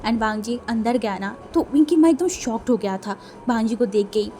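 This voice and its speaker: A woman narrating a fan fiction story in a slightly high, mellow voice. She repeats short phrases for emphasis, with faint noise behind her. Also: animated, fairly quick.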